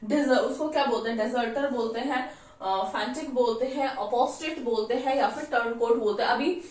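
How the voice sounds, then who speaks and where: A woman's voice: a little high, moderate pace. Indian woman teacher, chatty and repetitive explainer, recorded from a distance in an echoey room. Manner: repeats "thik hai", asks and answers her own questions. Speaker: English vocabulary teacher. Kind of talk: explaining exam vocabulary questions in a casual class.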